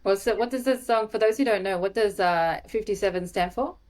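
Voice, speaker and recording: A woman hosting a podcast in casual, enthusiastic chat with quick asides. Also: medium pitch, a little mellow. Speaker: podcast host.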